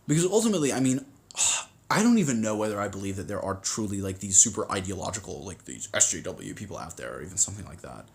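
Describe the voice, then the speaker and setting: A man talks into a phone as he hosts a casual livestream, rambling from point to point and reading viewer comments aloud. He is full of fillers and restarts, and his voice sits on the low side. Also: sing-song, quick pace, vocal fry. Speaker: livestream host.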